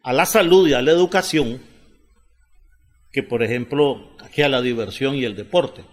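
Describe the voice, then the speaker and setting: A man's voice: mid-range voice, normal speed. A man hosts a discussion in a plain mid-range voice. He drives his points home and checks in with tag questions. He stumbles over doubled filler sounds between phrases. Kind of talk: analytical talk-show conversation.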